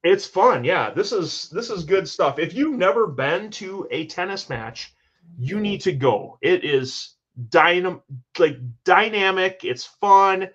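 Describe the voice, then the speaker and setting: A man with a somewhat higher voice hosts a sports podcast, recapping results with eager, rambling enthusiasm. The recording sounds a little dull and lo-fi. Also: animated, takes it slowly, a bit bright, slightly rough. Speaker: host.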